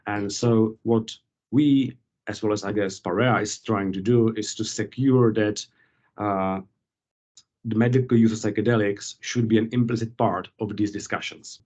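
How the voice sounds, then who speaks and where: A man, a guest explaining policy work in a measured, formal way during an interview held over a video call. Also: on the low side, fairly even intonation, darkish tone. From Czech Republic.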